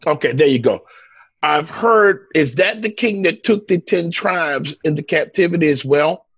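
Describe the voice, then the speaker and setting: A man calling in with questions, hesitant and halting, full of fillers. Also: fairly high pitch, lively intonation, a bit bright, husky, no room sound, dull audio. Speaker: caller asking questions. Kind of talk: casual call-in questions.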